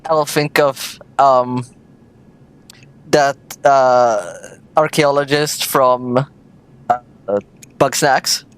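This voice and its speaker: A man streaming a story game with a friend, swapping jokes and reading the on-screen text aloud. His voice sits at a middle pitch, easygoing and joking. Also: fairly even intonation, very slow, long pauses, fairly bright tone, clean tone.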